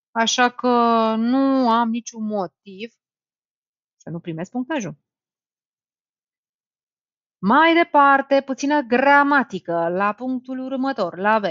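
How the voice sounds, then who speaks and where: Lively woman teacher, dry dull sound. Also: fairly high pitch, no room sound. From Romania. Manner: lively, talks to students directly, thinks aloud. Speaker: Romanian language teacher. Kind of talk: exam-prep lesson.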